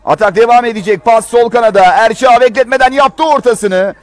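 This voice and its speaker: A man commentating live on a football match in an excited manner, outdoors at a small ground. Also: very high voice, a little fast, no echo. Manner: excited, shouting on goals. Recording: crowd noise at outdoor match. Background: faint crowd.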